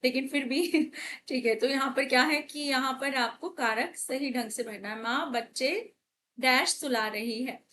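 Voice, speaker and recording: A woman's voice: high-pitched, a little slow, a bit bright, a little hiss or hum. A young woman teacher working through exam questions, asking and answering her own questions as she explains. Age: young adult. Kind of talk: exam paper walkthrough lesson.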